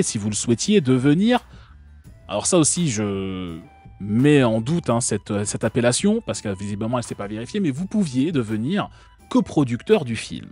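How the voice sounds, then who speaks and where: A man's voice: mid-range voice, darkish tone, husky. A man from France hosting a live stream, talking casually and sarcastically with many fillers and restarts.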